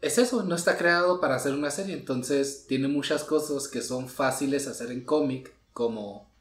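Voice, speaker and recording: Un hombre con acento mexicano que conversa de forma relajada y coloquial en un podcast y salpica sus frases con modismos. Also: male voice, medium pitch, moderate pace, reverberant. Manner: slangy, laid-back, peppers talk with "güey". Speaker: podcast co-host. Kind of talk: casual chat.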